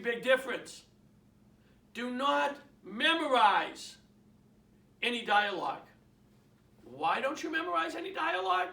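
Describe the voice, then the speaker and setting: Recorded from a distant mic in a roomy space, a man with a Boston accent and a very high, pushed, bright voice trains realtors in sales. His motivational talk is emphatic, repeating points and putting questions to the audience.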